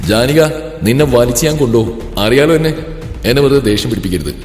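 A man's voice: medium pitch, animated, fast talker, a little mellow, voice pushed down, close to an everyday voice. A man voicing a stern, threatening middle-aged father in a told story, recorded in an echoey room with music. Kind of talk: storybook character voice.

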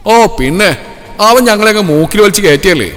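A man voicing a spiteful middle-aged village man who mocks and sneers, raised high and loud over reverb and soft music. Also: animated, fast talker. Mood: sneering. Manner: mocking, sneering.

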